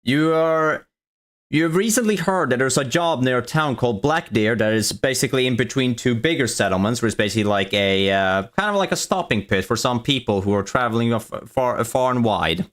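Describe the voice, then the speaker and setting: On a voice call, a man with a medium-pitched, animated, slightly fast voice of fairly bright tone runs a tabletop game as dungeon master. He narrates the scene in a rambling way, often restarting sentences and swearing casually.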